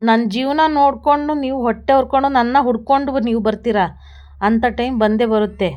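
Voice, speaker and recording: A woman's voice: on the high side, fairly even intonation, brisk, highs cut off, close to an everyday voice. A woman reading a defiant, wounded young woman.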